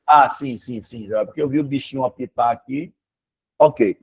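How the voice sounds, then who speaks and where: He teaches one student casually over a video call, speaking at a normal speed in a mid-range, slightly rough voice with a Brazilian Portuguese accent. His delivery is emphatic and lively, with exclamations and rhetorical questions.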